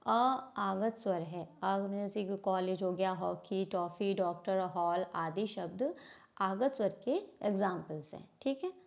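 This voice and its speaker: A woman's voice: mid-range voice, unhurried, creaky. Hindi teacher woman, self-answering questions. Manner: asks questions and answers them herself, often says okay and sorry. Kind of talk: classroom lesson explaining from a book. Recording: slightly dull lo-fi sound.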